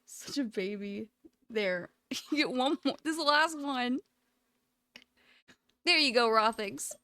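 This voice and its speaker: A woman's voice: high voice, takes it slowly, no room sound. A woman livestreamer chatting casually with her viewers in an informal, affectionate, rambling way, often giggly. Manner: giggly, frequently breaking into loud laughter. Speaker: live streamer. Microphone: close USB microphone.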